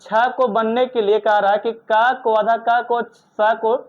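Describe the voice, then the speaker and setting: A man's voice: very high-pitched, level tone, unhurried. Stern man drilling a class, tinny sound. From India. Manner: stern, drills students with repeated questions and scolds. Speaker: teacher. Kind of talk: classroom grammar lesson. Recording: tinny phone-like recording.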